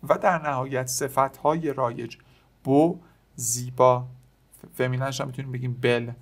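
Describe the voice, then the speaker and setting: A man with a Persian accent teaching beginner French vocabulary. He says each French word, gives its meaning, and adds quick asides to the viewers. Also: medium pitch, steady tone.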